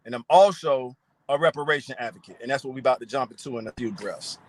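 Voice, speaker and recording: A man's voice: medium pitch, fast talker, no echo. A man from Florida, a film producer, giving a brief matter-of-fact introduction on a video call. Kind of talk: casual introduction.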